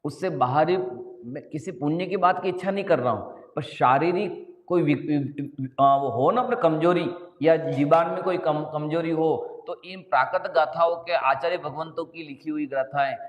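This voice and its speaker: Brief: male preacher, fairly high voice, asks listeners questions, chants verses slowly. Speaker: Jain scripture teacher. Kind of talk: Hindi sermon with chanted Prakrit verses. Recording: echoey hall, long reverb.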